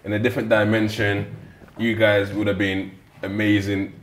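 A man's voice: on the low side, flat delivery, moderate pace. A man with a London accent interviewing in a casual chat, often repeating and circling back on his phrases. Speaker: podcast interviewer. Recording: roomy echo.

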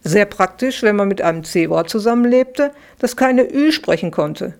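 A woman, the author, reading her children's bedtime story aloud, giving the children lively little voices. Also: mid-range voice, moderate pace, creaky.

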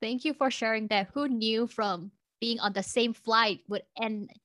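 A woman hosting an interview podcast, reading a scripted intro in a measured, polite way. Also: a little high, fairly bright tone, no echo. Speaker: podcast host.

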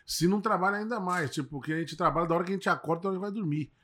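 A man in his forties, a comedian hosting a casual chat in a relaxed, slangy way. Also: high-pitched, racing. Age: 40s. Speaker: comedian and podcast host.

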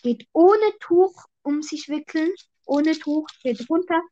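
A high-pitched woman hosts a relaxed podcast and tells jokes with eager storytelling. She tends to explain her own punchlines. Her voice comes through a dull, lo-fi mic with a faint robotic echo. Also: slow pace. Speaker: podcast host. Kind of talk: casual joke-telling chat.

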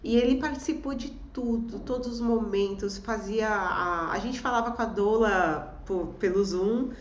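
A woman telling a personal story in a casual conversation, animated, acting out the voices she quotes and laughing often. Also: mid-range voice, a little slow, reverberant, dull audio, slight background noise.

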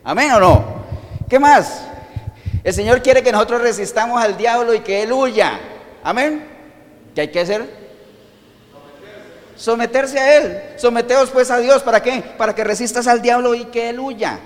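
Male preacher, high animated voice, questions the congregation, hall reverb. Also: unhurried, pauses often. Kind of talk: sermon.

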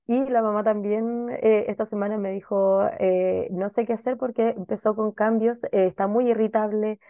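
A woman, a child psychologist, giving advice and often pausing with fillers and checks like "right?". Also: medium pitch, steady tone, no echo, narrow, tinny audio. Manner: thoughtful, many fillers and checking "¿ya?". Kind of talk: advice talk answering a listener question.

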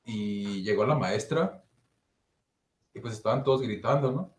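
This young man speaks at a measured pace in a voice on the low side, with a Mexican Spanish accent. Chatting casually, he recounts a story and acts out its characters' voices, recorded with roomy echo and faint noise.

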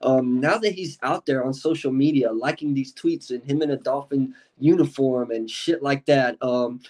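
A man hosting a sports podcast, relaxed and passing questions to his co-hosts. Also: medium pitch, moderate pace, recorded from a distance. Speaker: podcast host. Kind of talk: casual sports chat.

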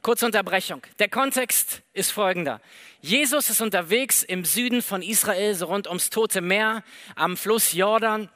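A man preaching a sermon in a lively, conversational way, acting out the dialogue of the story as he tells it. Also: sits high, measured pace. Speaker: pastor.

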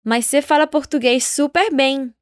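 A woman leads an audio language lesson, her voice sitting a little high. She speaks patiently and keeps prompting the listener to repeat after her. The sound is close and dry, with no room around it. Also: normal speed, no echo. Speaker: Portuguese teacher.

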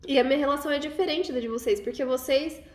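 High-voiced, matter-of-fact Brazilian woman. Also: quick pace. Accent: Brazilian Portuguese. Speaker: podcast co-host. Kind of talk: casual chat among friends. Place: friend's home. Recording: roomy home recording, faint hiss.

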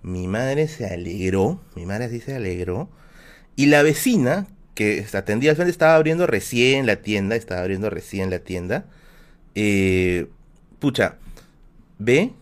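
A man's voice: fairly low pitch, unhurried. Peruvian guy on his stream telling a story, voice jumps up and down a lot, tons of slang and fillers. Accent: Peruvian Spanish. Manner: animated, slangy anecdote telling with many fillers. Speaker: livestream host. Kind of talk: casual storytelling on a live stream.

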